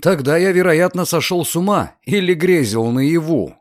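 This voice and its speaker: A man voicing a young lawyer, confident and insistent, speaking in a raised, lively voice. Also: a little high, moderate pace, no echo, clean studio sound, pitched above the performer's own voice, natural voice.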